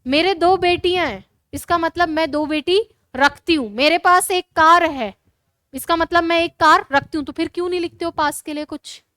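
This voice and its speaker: A woman teacher with a Rajasthani Hindi accent, giving a classroom lecture in a brisk, scolding way and urging students to write fast. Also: extremely high pitch, fairly bright tone, no echo.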